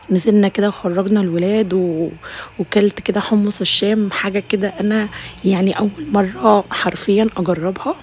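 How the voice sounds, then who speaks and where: In a mid-range, darkish voice with slight background noise behind her, an Egyptian-accented woman gives casual voice-over narration for her home routine vlog. She sounds a bit tired and warmly addresses her audience as dear sisters.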